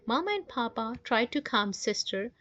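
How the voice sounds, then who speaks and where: A woman storyteller reading a children's bedtime story aloud, slow and expressive. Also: fairly high pitch, dry recording. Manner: slow, expressive, sing-song. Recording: dull lo-fi dry recording.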